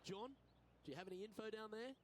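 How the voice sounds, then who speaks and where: A male golf commentator calls the action in a measured, polished announcer delivery. His voice sits slightly higher than most men's. A faint, steady noise runs beneath it. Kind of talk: scripted sports commentary.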